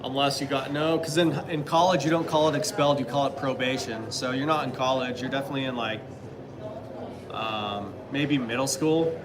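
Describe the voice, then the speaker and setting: A man's voice: medium pitch, moderate pace, a crowd in the background, low-quality recording. A man in his thirties chatting casually on a live stream, answering viewers with rambling, hesitant talk full of fillers and restarts. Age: 30s.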